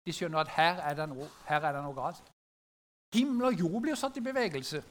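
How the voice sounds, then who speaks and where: A middle-aged man with a notably high voice tells a story to an audience at a gathering. He talks in a loose, conversational way and keeps drawing his listeners in with quick asides. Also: fairly bright tone, a little hiss or hum. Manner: conversational, often asks the audience "right?".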